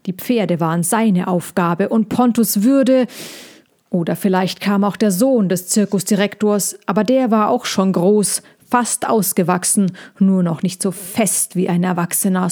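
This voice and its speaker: A woman reads a children's storybook aloud. Her reading is calm and measured, and her voice sits at an ordinary middle pitch. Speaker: narrator.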